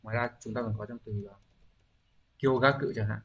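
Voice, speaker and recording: A man talks through an exam-review language lesson at an ordinary, mid-level pitch. He explains patiently, keeps checking in with rhetorical questions, and fills pauses with hesitant thinking-aloud sounds. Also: steady tone, fairly bright tone, lo-fi sound, a little hiss or hum. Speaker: Japanese language teacher.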